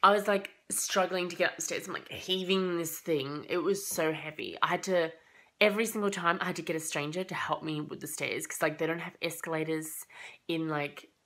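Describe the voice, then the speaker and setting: A young woman with a slight cold, casually telling a travel story for her vlog in an animated, chatty way full of "like" and quoted thoughts. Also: low voice, moderate pace. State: has a cold, coughing. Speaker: vlogger.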